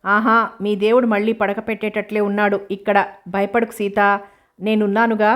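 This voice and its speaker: A woman narrator voicing a caring female doctor who teases her patient in a brisk, practical way. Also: mid-range voice, little pitch movement, close to an everyday voice.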